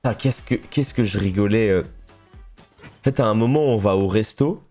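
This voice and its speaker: A man's voice: fairly low pitch, normal speed, mellow, soft background music. A young man from France chatting casually on a live stream while playing a game, telling stories and laughing often.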